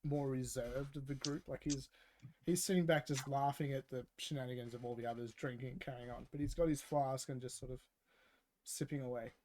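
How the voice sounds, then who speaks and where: A man's voice: medium pitch, steady tone, fairly quick, mellow, slight background noise. A man running a tabletop game as dungeon master, easygoing and laughing often.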